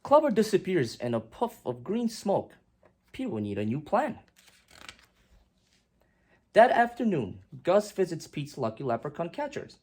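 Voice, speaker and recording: A woman reads a children's picture book aloud with animated expression, swinging into emphasis and dropping to hushed tones. Her voice is lowish and husky, a little slow, with frequent pauses.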